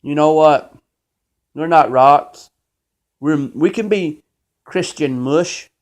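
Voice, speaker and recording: A man's voice: fairly high pitch, takes it slowly. A man hosting his own show, delivering an impassioned, scolding monologue about faith. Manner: preachy, emphatic, scolding. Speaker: show host.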